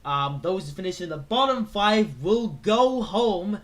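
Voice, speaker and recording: A man calling a race as commentator, excitable and tripping over names before correcting himself. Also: sits high, a little slow.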